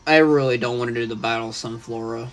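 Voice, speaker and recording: A man's voice: medium pitch, fairly even intonation, fast, soft background music. A young man chatting casually and opinionatedly while livestreaming a video game. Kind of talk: live gameplay commentary.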